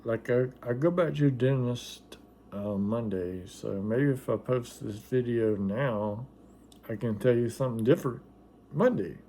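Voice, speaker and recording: A man's voice: medium pitch, unhurried, warm tone, a little hiss or hum. A man vlogging in a casual, rambling, hesitant and folksy way, with slightly slurred, wet articulation from new dentures and a slightly loopy delivery. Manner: hesitant, folksy, self-deprecating. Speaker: vlogger documenting a personal experience. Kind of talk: casual rambling chat to camera.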